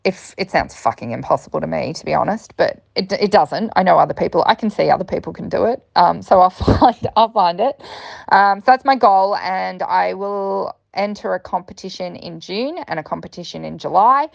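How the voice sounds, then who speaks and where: A woman's voice: on the low side, expressive, brisk, creaky, few pauses, lo-fi sound. A young woman, a dressage rider and coach, talking casually and rambling with lots of ums and restarts. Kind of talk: casual vlog talk.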